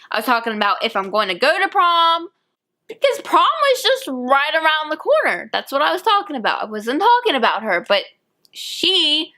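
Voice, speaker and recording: A young woman telling a storytime vlog, acting out what people said as she goes. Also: high-pitched. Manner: animated retelling with acted-out quotes. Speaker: vlogger.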